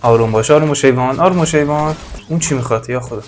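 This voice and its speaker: A man doing casual gameplay commentary, excitable, often yelling and laughing at what happens on screen. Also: medium pitch, a little hiss or hum. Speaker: gameplay streamer.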